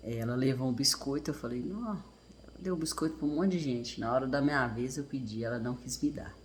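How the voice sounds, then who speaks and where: A man's voice: mid-range voice, a little hiss or hum. Earnest Brazilian man in his thirties. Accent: Brazilian Portuguese. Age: 30s. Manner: earnest, halting, reflective, with restarts and self-corrections. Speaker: father and vlogger. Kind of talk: casual personal storytelling.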